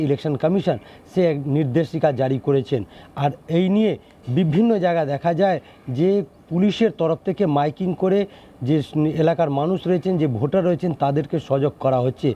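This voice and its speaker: A man reporting news, with halting, repetitive phrasing. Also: fairly high pitch, dark tone. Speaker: field reporter. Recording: dull lo-fi audio.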